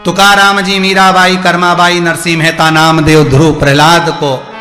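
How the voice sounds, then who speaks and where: धर्मकथा सुनाता उत्साही कथावाचक पुरुष. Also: male voice, fairly high pitch, level tone, moderate pace, bright, forceful tone. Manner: dramatic, rising to emphatic peaks, voices characters in dialogue. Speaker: religious storyteller. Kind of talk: devotional sermon storytelling. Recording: echoey hall with faint music.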